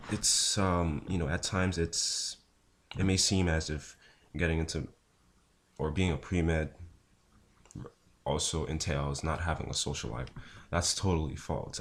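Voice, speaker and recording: A young man talking casually to camera in a low, unhurried, low-energy voice with a husky, just-woken sound. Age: young adult. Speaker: vlogger, pre-med student. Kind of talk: casual talk to camera answering viewer questions.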